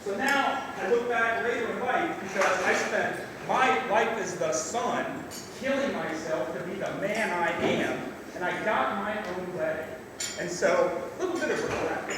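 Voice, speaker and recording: A middle-aged man gives an informal father of the bride speech, plain-spoken, salty and emotional, with halting delivery. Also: sits high. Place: large reverberant reception room indoors. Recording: echoey hall, distant mic, noisy room.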